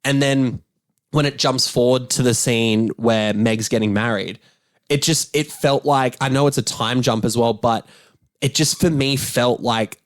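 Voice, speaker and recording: A man co-hosting a casual podcast as a film critic, talking in an animated, rambling way with restarts. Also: medium pitch, unhurried, no room sound.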